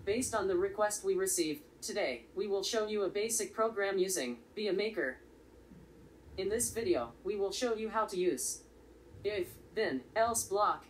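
A woman's voice: mid-range voice, expressive, moderate pace. Woman narrating a coding tutorial, slightly distant. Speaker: tutorial presenter. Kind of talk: step-by-step software tutorial narration. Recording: slightly distant voice with faint background noise.

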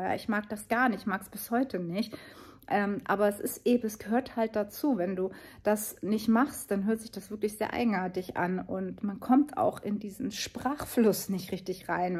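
A woman's voice: medium pitch, a little mellow. Chatty woman vlogger in her fifties. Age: 50s. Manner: chatty and earnest, with many fillers and restarts. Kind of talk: casual travel vlog monologue.

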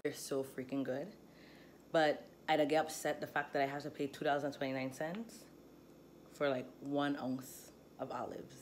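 A woman's voice: a bass voice, steady tone, normal speed. A woman in her thirties with a Crucian accent from the US Virgin Islands, vlogging casually into a phone held at arm's length. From St. Croix, US Virgin Islands. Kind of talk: casual vlog chat. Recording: noisy handheld phone recording.

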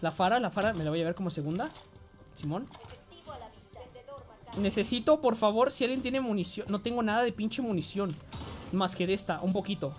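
A man with a Mexican accent giving excitable live gameplay commentary, swearing and often yelling. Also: high voice, brisk, long pauses, faint music behind. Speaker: game streamer.

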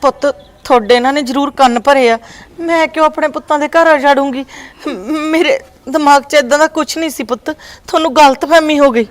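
A woman's voice: high voice, a little fast, natural voice. A woman playing a scheming middle-aged mother-in-law in a family skit, pleading and tearful. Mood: defensive. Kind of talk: village family drama skit.

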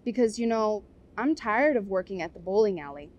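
A woman's voice: medium pitch, expressive, brisk, darkish tone, highs cut off, close to an everyday voice. A woman reading as a blunt, skeptical young woman.

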